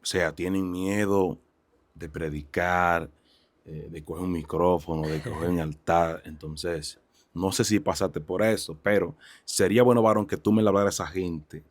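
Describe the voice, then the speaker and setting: Brief: low, deep male host of a faith testimony show, fervent and exclaiming, dry close sound. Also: fairly even intonation, normal speed, dry recording. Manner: fervent, exclaiming praise and urging viewers.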